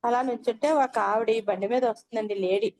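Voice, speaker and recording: A woman's voice: on the high side, fairly even intonation, fairly quick, darkish tone. An older woman earnestly telling her meditation experience as a personal testimony, closing her sentences with polite endings. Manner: earnest storytelling, frequent polite "andi" endings.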